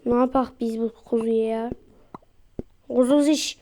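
A woman chatting her way through a mobile game, excitable and quick to repeat her cheers. Her voice sits high, and she talks in an unhurried, drawn-out way. A faint noise hangs behind her. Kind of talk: casual gameplay commentary.

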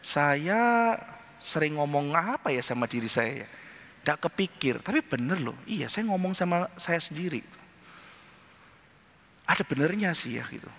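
A man's voice: a little slow, long pauses. A man preaching a sermon to a congregation, talking animatedly and acting out inner voices in a mix of formal and casual speech, recorded in a large church hall. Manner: animated, acts out inner voices with sharp pitch jumps; addresses congregation as saudara, colloquial Jakarta slang mixed in. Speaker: pastor.

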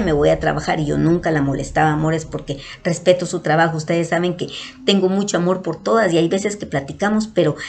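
A Guatemalan woman vlogger telling a story to her followers, affectionate and animated, acting out the people she quotes. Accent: Guatemalan Spanish. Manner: affectionate, calls listeners "mis amores"; animated, acts out quotes with big pitch jumps.

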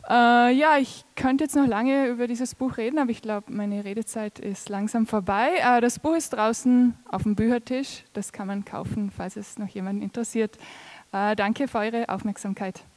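Woman with a fairly high voice, relaxed presenter who fills pauses often. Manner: casual, with fillers. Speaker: speaker presenting her illustrations. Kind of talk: conference presentation.

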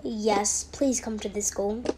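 A woman's voice: medium pitch, takes it slowly, voice pushed down, natural voice. A woman doing a cold, strict principal. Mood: firm. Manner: quiet, flat and strict. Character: cold, unbending school principal, female. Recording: noisy home recording.

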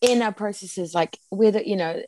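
A woman's voice: medium pitch, moderate pace, mellow, slight background noise, rough recording. A woman from New Zealand speaking earnestly and encouragingly as a podcast guest. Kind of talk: podcast interview.

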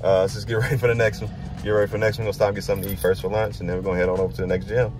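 A father in his thirties casually vlogs a road trip through the car, a hotel and the outdoors, holding his phone camera at arm's length. Easygoing, he chats to his son and repeats phrases. His fairly low voice has little pitch movement and a slightly mellow quality, and he races along over soft background music.

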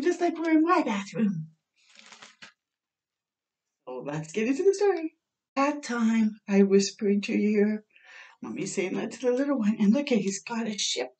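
Reading a picture book aloud for children's storytime, a middle-aged woman speaks in a voice on the high side, slightly mellow, with expressive delivery, asides, and drawn-out words. She's in a small bathroom at home, and the recording mic is set slightly back.

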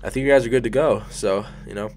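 A young man hosts a YouTube design tutorial, recording a voice-over in a hot bedroom. He talks fast in a mid-range voice that sounds sniffly and stuffed up from allergies, rambling casually, putting himself down, and swearing now and then.

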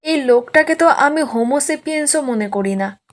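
A woman's voice: sits high, animated, moderate pace. A woman quoting a bold female professor who scolds and defies a powerful man. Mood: defiant. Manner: scolding and defiant. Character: bold, sharp-tongued female college professor.

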